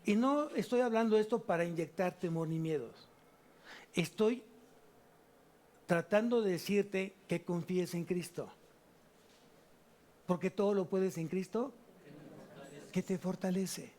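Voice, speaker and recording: A pastor with a high-pitched voice preaches into a microphone in church, speaking slowly and pausing often. He repeatedly asks questions and answers them himself, with lively stops and restarts.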